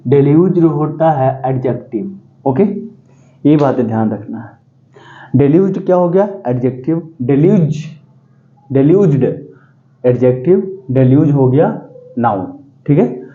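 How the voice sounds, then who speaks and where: A man teaching exam vocabulary in a lecture, repeating key words slowly and quizzing his students. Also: mid-range voice, lively intonation, phone-quality sound. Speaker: English teacher.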